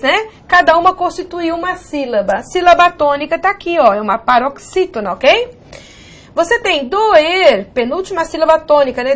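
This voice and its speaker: A woman's voice: high voice, fairly bright tone. A woman with a Brazilian Portuguese accent teaching a grammar video lesson for exam prep. She walks through examples one by one and keeps checking in with "ok?" and pointing the viewer to the board.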